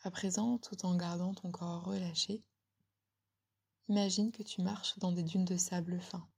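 A woman giving a slow, soothing guided relaxation in a breathy ASMR whisper, very close, as if right in the listener's ear. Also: on the low side, fairly even intonation. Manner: slow, soothing, gently instructing.

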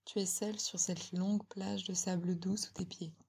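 A woman giving a slow, soothing guided relaxation in a breathy ASMR whisper, very close, as if right in the listener's ear. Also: mid-range voice, little pitch movement. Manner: slow, soothing, gently instructing.

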